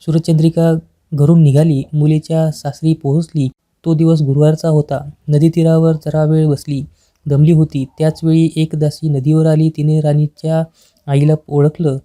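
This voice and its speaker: A woman narrating a devotional folk tale as a scripted story reading, in a slow, even recital. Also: low-pitched.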